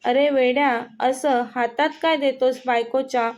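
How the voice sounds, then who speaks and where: A woman with a high-sitting, fairly even voice speaks at a measured pace, playing an affectionate old grandmother. She fondly teases and scolds her grandson.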